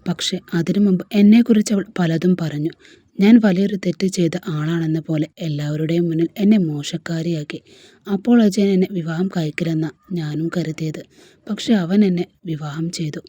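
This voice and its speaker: A woman's voice: low-pitched, moderate pace, warm tone, husky, dry recording. A woman voicing a heartbroken married woman who pours out her sorrow in a storybook reading. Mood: sorrowful.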